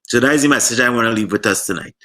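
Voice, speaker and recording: Earnest Trinidadian man with bright voice. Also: medium pitch. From Trinidad and Tobago. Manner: earnest, heartfelt, slightly halting. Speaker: guest. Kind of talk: casual political chat.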